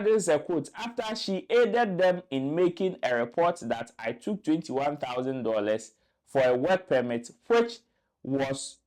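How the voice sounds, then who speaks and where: A man's voice: mid-range voice, a little mellow. A man hosting a commentary show, reading out a news story and quotes in an explanatory way, with fillers and restarts.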